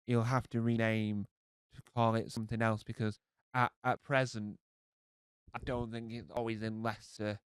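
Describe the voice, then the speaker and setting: Man, casual streamer chat, jokey and self-interrupting, smooth voice, dry sound. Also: mid-range voice, dry recording.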